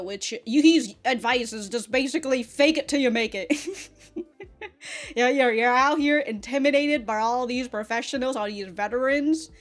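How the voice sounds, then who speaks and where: A review host with a voice on the high side delivers casual, off-the-cuff reaction commentary. She rambles in an animated, slangy way and swears now and then.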